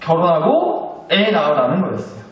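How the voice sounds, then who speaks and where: A man preaching a sermon as pastor, telling stories in a lively, joking way. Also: fairly high pitch, normal speed, highs cut off. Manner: lively, joking storytelling with acted quotes. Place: church sanctuary. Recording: echoey church hall, mic from a distance.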